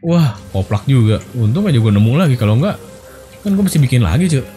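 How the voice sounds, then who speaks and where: A young man casually commentates his own gameplay in a let's play as game music plays behind him. He's playful and excitable, joking in slang and squealing as he goes, and he talks fast at a medium pitch.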